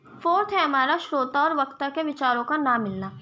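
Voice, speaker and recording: A woman's voice: sits high, expressive, normal speed, bright, forceful tone, a little hiss or hum. A young woman teaching an exam-prep lesson, explaining step by step and checking in with her viewers as friends. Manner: addresses viewers as "friends", gives examples.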